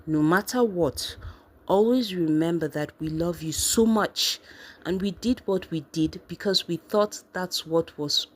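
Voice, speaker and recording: A woman voicing a calm older brother who speaks gently and softly. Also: lowish voice, a little slow. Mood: gentle. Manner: gentle, soft-spoken.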